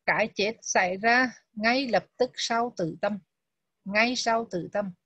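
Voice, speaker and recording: A woman teaching a Buddhist text lesson, reading English terms and drilling their pronunciation slowly and deliberately. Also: mid-range voice, pushed and bright, husky, no echo. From Vietnam. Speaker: Abhidhamma teacher. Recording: dull lo-fi, dry sound.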